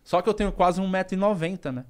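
A man, a stand-up comedian telling stories as a guest on a podcast, slangy and animated, swearing freely. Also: sits high, fast talker. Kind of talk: casual storytelling on a podcast.

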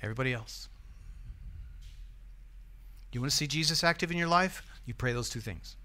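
Bright-voiced American pastor preaching. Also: male voice, medium pitch, moderate pace. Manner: conversational preaching, asks the congregation questions. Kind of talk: sermon. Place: church.

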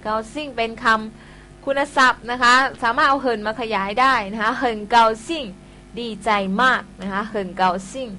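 A woman's voice: fairly high pitch, moderate pace, sharp tone, a little hiss or hum. A woman teaching a Chinese language class, explaining patiently step by step with polite particles. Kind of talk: classroom lesson.

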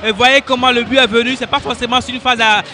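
A man giving animated live football commentary and analysis, halting and repeating words as he explains. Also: very high-pitched, a faint crowd. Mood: excited.

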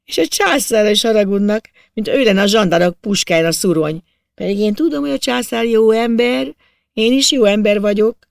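A man's voice: high voice, vocal fry, clean tone, no echo, clean studio sound, pitched above the performer's own voice. Man doing a plaintive timid imperial official. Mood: lamenting. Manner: plaintive, wistful lamenting. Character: timid, self-pitying male imperial official from Prague.

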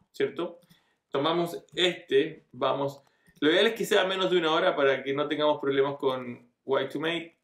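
A man's voice: on the high side, a bit bright. A middle-aged man giving a casual step-by-step computer tutorial, often checking in with the viewer, recorded on a desk webcam in a small room. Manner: casual step-by-step explaining with frequent checks like "¿cierto?". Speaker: online marketing tutor. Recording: echoey room.

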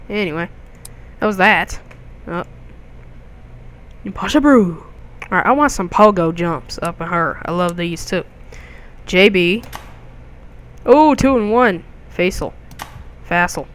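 A young man hosting a gaming video, giving jokey, excitable commentary with crude outbursts as he plays. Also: sits high, measured pace, long pauses, clean tone. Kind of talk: gameplay commentary.

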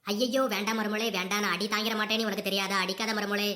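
A woman with a Kanyakumari Tamil accent voicing a quarrelsome old mother-in-law in a cartoon comedy, with a lowered, wailing voice. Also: flat delivery, bright, forceful tone, lightly acted. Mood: pleading. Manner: fast, scolding, then begging and wailing. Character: whining old mother-in-law, bossy then pleading.

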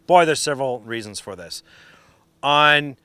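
A man's voice: medium pitch, measured pace, smooth, no echo. A middle-aged man giving a casual, folksy how-to explanation as a fishing instructor. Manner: excited and exclaiming on the water, chatty and folksy when explaining. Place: outdoors on a fishing boat on a lake for the catch; indoor studio backdrop for the tips.

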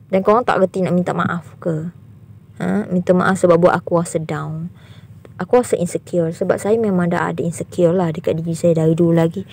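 A young woman with a raspy, husky voice, talking indignantly to her viewers in a vlog and repeating her points firmly. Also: fairly low pitch, fairly even intonation, brisk, mellow. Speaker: YouTuber.

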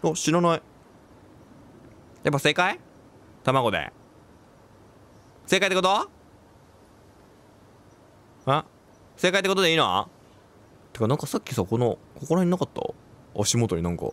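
Fairly bright and a little high, this man's voice swings a lot in pitch as he comments on a game at a measured pace with long pauses. He reacts, quips, exclaims and talks to himself while playing.

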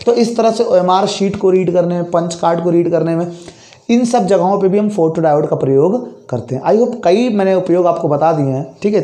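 A young man teaching a physics lecture, talking quickly and explaining with everyday examples while checking in with students often. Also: high voice, dark tone, roomy sound. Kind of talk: classroom lecture.

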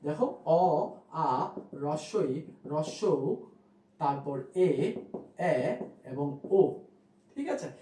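High-voiced man teaching in an echoey room. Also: darkish tone. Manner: repeats key points, asks the class questions. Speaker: Bangla grammar teacher. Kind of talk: classroom lesson explaining at a board.

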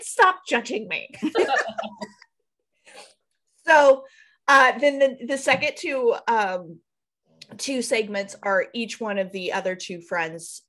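Her voice is on the high side and fairly bright as this Nebraska woman, with the local accent, co-hosts a podcast via webcam from a home room. The talk is casual and rambling, and she keeps laughing at herself in a self-deprecating way.

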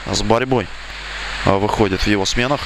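Male hockey commentator over loud rink noise. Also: fairly low pitch, brisk, gravelly. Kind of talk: live ice hockey play-by-play commentary. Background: indoor ice rink noise.

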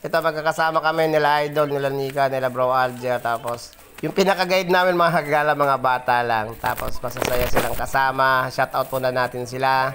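A man's voice: medium pitch, fairly even intonation, brisk, a bit bright, a little hiss or hum. A man vlogging on a rural forest trail, guiding his viewers along and calling out to them again and again as he walks. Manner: calls viewers "mga kagala" constantly. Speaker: travel vlogger. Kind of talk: casual guiding narration.

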